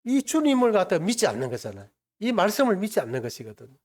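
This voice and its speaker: A man's voice: high-pitched, huge pitch swings, quick pace, a little mellow. A man preaching a sermon in a church, telling a story and acting out its characters. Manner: storytelling, acts out quoted voices. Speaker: pastor. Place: church sanctuary.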